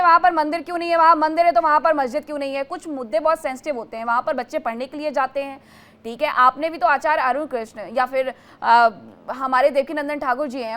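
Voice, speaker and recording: A woman news anchor moderating a heated TV debate, firm and calming as she questions the panelists. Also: high-pitched.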